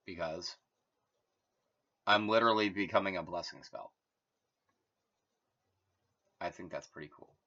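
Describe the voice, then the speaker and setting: A man's voice: sits low, moderate pace, pushed and bright. A man hosting his own channel, talking in a meandering, casual solo monologue full of fillers and self-corrections. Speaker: host. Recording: dull lo-fi recording.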